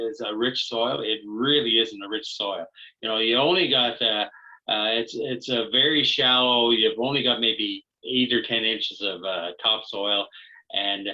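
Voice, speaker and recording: A man giving a webinar talk over a video call, speaking haltingly with many fillers and restarts. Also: medium pitch, pushed and bright. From Canada. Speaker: guest speaker. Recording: dull lo-fi video call audio.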